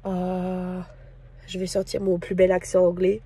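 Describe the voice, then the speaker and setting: A woman from France talking casually to camera in a personal vlog, hesitant and full of pauses and fillers. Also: lowish voice, monotone, warm tone, breathy edge. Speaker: vlogger.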